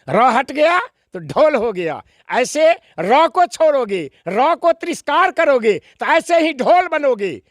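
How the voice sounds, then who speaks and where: Slow, preacherly man with a high voice. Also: dry recording, clean studio sound. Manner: preacherly, emphatic, with rhetorical questions and quoted verses. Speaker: interviewee, scripture expounder. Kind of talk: explanatory interview answers.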